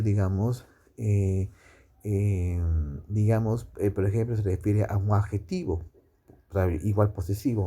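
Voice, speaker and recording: A man teaching a grammar lesson, explaining slowly with many fillers and tag questions. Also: lowish voice, warm tone.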